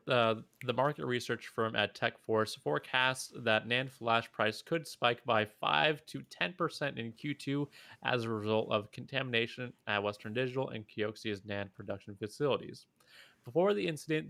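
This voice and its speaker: A man's voice: mid-range voice, gravelly, fairly bright tone, no echo. A young man co-hosting a casual tech podcast, reading an article aloud and tripping over names and words as he goes. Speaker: podcast co-host.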